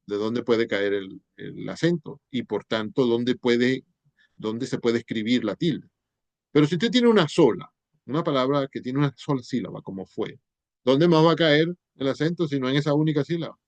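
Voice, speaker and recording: A man's voice: medium pitch, animated, normal speed, dry recording. A middle-aged man giving a university lecture on spelling, explaining step by step and checking in with rhetorical questions. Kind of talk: class lecture on spelling rules.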